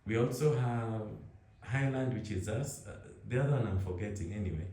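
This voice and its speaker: A young man with a Kenyan accent speaks in a fairly low voice at a fairly quick pace, in a roomy-sounding recording. As the interviewee in a casual conversation, he answers relaxed and rambling, often restarting his words and laughing.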